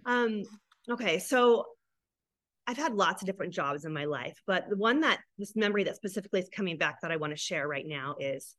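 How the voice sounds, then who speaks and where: A woman's voice: on the low side, animated, fairly quick, no echo. Upbeat woman coach on a dry mic. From Arizona, USA. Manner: warm, emotional, tearful while telling her story; enthusiastic, upbeat. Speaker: guest, business coach for moms. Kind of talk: casual podcast interview.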